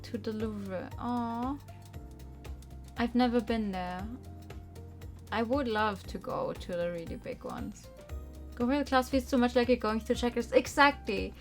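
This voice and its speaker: Playing through a visual novel on stream, a young woman alternates between narrating the text and chatting, her voice on the high side over gentle background game music. She's lively and casual with wandering tangents, yet keeps a measured pace broken by long pauses.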